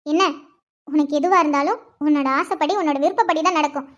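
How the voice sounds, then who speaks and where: A calm, caring sister-in-law from a cartoon. Her voice is very high-pitched, and she talks in a soothing, reassuring way. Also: fast talker, highs cut off. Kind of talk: cartoon voice acting.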